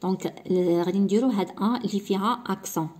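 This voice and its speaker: A woman's voice: mid-range voice, darkish tone. A woman with a Moroccan accent, teaching a primary school French lesson and explaining each point step by step. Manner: slow, deliberate reading of French example sentences.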